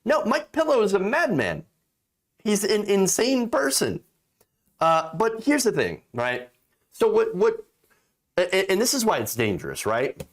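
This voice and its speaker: Emphatic male commentator with animated, swooping pitch. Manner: emphatic, indignant. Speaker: political commentator, show host. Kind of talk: opinionated political commentary, reading out quotes.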